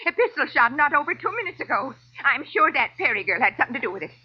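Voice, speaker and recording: A woman's voice: high-pitched, big pitch swings, fast talker. An actress playing a nervous older scrubwoman in a 1940s radio drama. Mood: flustered. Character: flustered old scrubwoman, nervous and chattery. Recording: muffled old radio broadcast.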